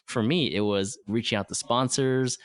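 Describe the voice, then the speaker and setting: A Vietnamese-native man in his forties, with a mid-range voice at a normal speed, talks earnestly as a podcast guest in a motivational interview. He keeps his phrasing simple and drops in "right?" tags often; the recording has no room sound.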